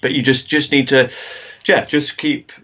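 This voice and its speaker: A man's voice: mid-range voice, level tone, measured pace, fairly bright tone. Man on a dull lo-fi call. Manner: explains singing technique with many restarts and filler words. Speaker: singer and singing teacher, interview guest. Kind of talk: casual video-call interview. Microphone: video call.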